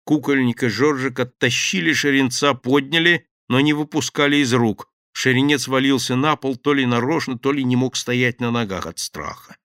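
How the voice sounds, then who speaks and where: A man reading a novel aloud as an expressive audiobook narrator. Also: medium pitch, normal speed, few pauses, clear, resonant tone, no room sound, clean studio sound. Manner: expressive storytelling. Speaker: audiobook reader. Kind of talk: scripted narration.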